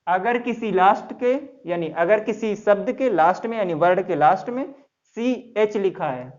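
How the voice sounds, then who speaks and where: The recording, dull and lo-fi, captures a man at a normal pace in a high-sitting voice as he teaches English grammar. He spells out words letter by letter and quizzes the class with repeated questions.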